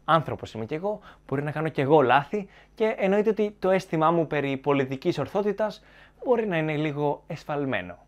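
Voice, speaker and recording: A man's voice: on the high side, expressive, highs cut off. A man giving opinionated film commentary to viewers, arguing his points in a sarcastic, argumentative way.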